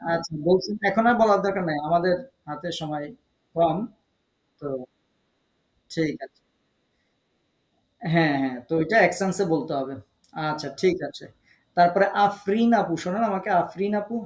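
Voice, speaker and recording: A high-voiced man with a Bangladeshi Bengali accent speaks at normal speed, leaving long pauses. Leading an online recitation class by video call, he quizzes students patiently, encourages them, and corrects their pronunciation; the audio is poor and reverberant.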